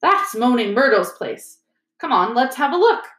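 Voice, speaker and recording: A woman voicing a brisk, tactful schoolgirl who coaxes and placates in a storybook reading. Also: fairly high pitch, very animated, a bit bright, echoey room, voice pushed up. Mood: brisk, coaxing.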